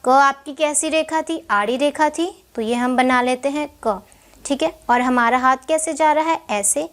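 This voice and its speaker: A woman's voice: sits high, a bit bright. A young woman teaching a shorthand lesson step by step, patiently asking questions and answering them herself. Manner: slow, patient, checks in with "ठीक है" often.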